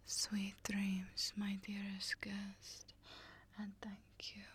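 Woman playing a furry coiled monster hostess, breathy whisper, slow and soothing, flat doting tone. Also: medium pitch, exaggerated voice. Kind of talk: whispered ASMR roleplay.

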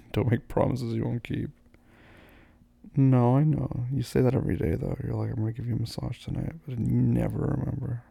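A man in a soft-spoken ASMR boyfriend roleplay, groggy as if just woken up, murmuring and often slipping into whispers. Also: medium pitch, level tone, normal speed, creaky, husky, no echo.

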